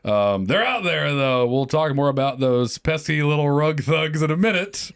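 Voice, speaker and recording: A man co-hosting a casual podcast chat, jokey and quick to laugh. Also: fairly high pitch, lively intonation, clear, resonant tone, no room sound, studio quality. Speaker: podcast co-host.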